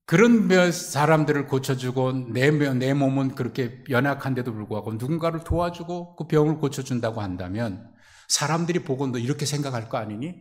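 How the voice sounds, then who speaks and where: Male pastor, sermon, mid-range voice, direct address to the congregation, loud pleading questions, hushed near-whispers. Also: medium pitch.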